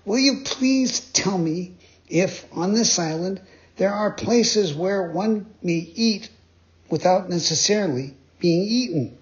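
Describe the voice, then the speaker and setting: Puppet boy, high and pleading, eager and easily frightened, voiced by a man; dull lo-fi storybook reading. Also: expressive, slow. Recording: dull lo-fi sound.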